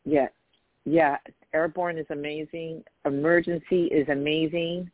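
A woman co-hosts a casual radio chat over a tinny, dry, phone-like line with no echo. Her voice sits low and her tone is steady at a measured pace as she banters with exclamations and frequent restarts.

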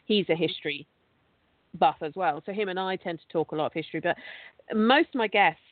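A woman's voice: fairly low pitch, a little fast, no echo. A chatty woman tells a ghost-hunting story in loose, rambling sentences, often restarting mid-phrase. Her voice comes through a dry, tinny, phone-like call line with no room sound at all. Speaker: guest, paranormal investigator and podcast host. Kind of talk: casual conversational storytelling.

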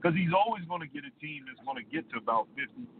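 A man's voice: fairly high pitch, animated, fast. A man co-hosting a podcast, chatting about sports in a laid-back, drawling way. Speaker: podcast co-host. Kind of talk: casual sports debate. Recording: phone-like line with faint noise.

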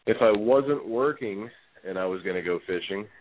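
Over a phone line on speakerphone, a man with a fairly low voice talks at normal speed as co-host of a fishing show. The call sounds tinny and echoey, and he's easygoing, chatting about fishing and reading a report with plenty of fillers and restarts.

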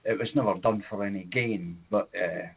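Through tinny, phone-like audio comes a Scotsman's lowish, gravelly voice with a breathy edge at a moderate pace. Co-hosting a comedy radio show, he spins rambling childhood anecdotes for the podcast, heavy on fillers and laughing at his own stories.

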